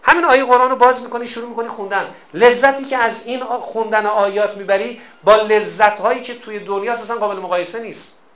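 Brief: male preacher and lecturer, high bright tone, emphatic storytelling sermon. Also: steady tone. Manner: emphatic and exhorting, repeats key phrases.

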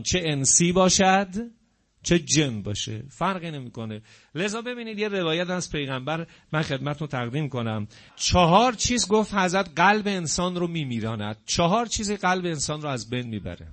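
Male preacher, slightly high voice, emphatic sermon delivery with Arabic quotations. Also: fairly bright tone. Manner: emphatic, preaching to listeners, quotes Arabic verses.

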